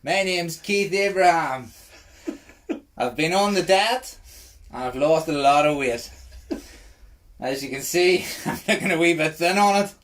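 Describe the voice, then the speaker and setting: A man with a Northern Irish accent voicing his male co-host in a slow, deadpan mock introduction. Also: on the high side.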